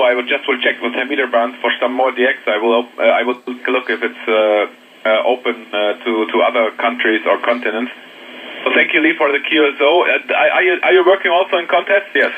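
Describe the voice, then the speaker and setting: Over a shortwave ham radio transmission, a German-accented amateur operator with a medium-pitched voice chats casually in halting English, searching for words. The reception is narrow and noisy, with radio static in the background.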